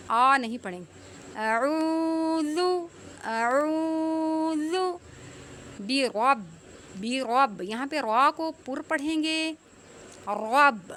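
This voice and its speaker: A woman teaching Quran recitation rules in an online lesson, explaining plainly and then reciting words very slowly and drawn out. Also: high-pitched, bright, forceful tone, slight background noise.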